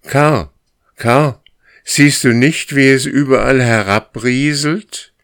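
A man voicing a male elk who calls out urgently and mournfully, his voice pushed up high and loud. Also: fairly even intonation, slow. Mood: urgent calling. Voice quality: roaring. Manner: loud calling, raised pitch.

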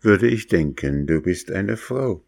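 A man voicing a kindly old grey fisherman in a fairy tale, slow and fatherly. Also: deep voice, expressive, creaky, darkish tone, no echo, clean studio sound, heavily acted. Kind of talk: storybook reading.

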